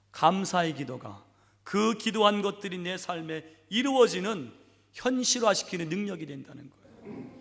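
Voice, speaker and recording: High-pitched gravelly pastor preaching. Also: male voice, darkish tone. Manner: emphatic storytelling, often calls out to the congregation. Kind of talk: sermon. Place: church sanctuary. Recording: long hall reverb, distant in a church.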